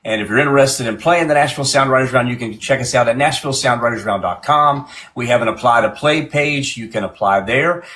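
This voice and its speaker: A man's voice: mid-range voice, brisk, hardly any pauses, a bit bright. A man hosting a live-stream music show in a casual, chatty way, often repeating and restarting his phrases.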